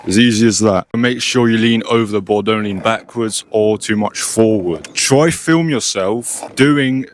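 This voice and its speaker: Casual man on a cheap, noisy mic. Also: measured pace. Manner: informal, mildly sweary. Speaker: skateboarding tutorial host. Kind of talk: casual step-by-step beginner tutorial. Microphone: cheap low-quality microphone. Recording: cheap low-quality mic, noisy, clicks.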